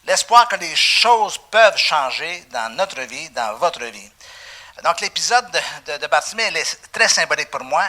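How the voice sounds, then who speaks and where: A man with a Québécois French accent preaching a sermon as pastor, animated, with frequent fillers and restarts. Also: fairly high pitch, normal speed. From Canada. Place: church.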